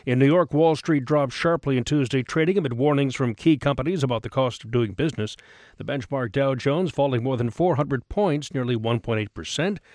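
A man's voice: medium pitch, a little fast, a little mellow, no echo, studio quality. A man reading scripted radio news as an anchor.

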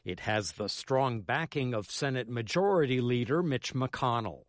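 American guy reading a radio news report, formal reporter voice, mid pitch, very dry sound. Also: lively intonation, measured pace, dry recording. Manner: formal news reader delivery. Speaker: news correspondent.

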